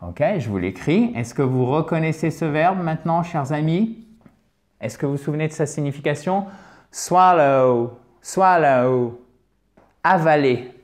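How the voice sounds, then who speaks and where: A man teaching English pronunciation in a lively video lesson, chatty and playful, who corrects himself as he goes and now and then teases with an exaggerated French accent. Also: a little high, normal speed.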